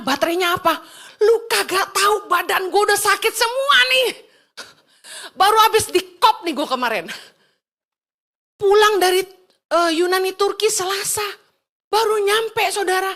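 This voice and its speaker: Woman pastor preaching, really high bright voice, gets loud then drops low. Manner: animated, swings between loud and low. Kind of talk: lively sermon with anecdotes.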